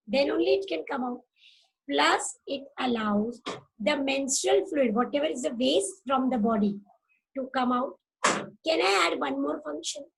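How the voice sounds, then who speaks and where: A woman teacher lectures an online class in a high, gravelly voice. She talks very slowly and patiently, repeats key terms and checks that the class follows. Faint noise sits under her computer microphone. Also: poor audio. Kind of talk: online class lecture mixing Hindi and English.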